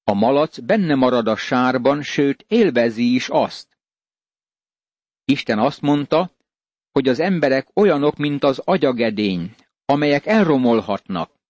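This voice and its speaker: A man's voice: medium pitch, expressive, darkish tone, dry recording. Guy preaching a bible sermon, earnest and personal, dull dry recording. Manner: earnest, addresses the listener as friend. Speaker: Bible teacher.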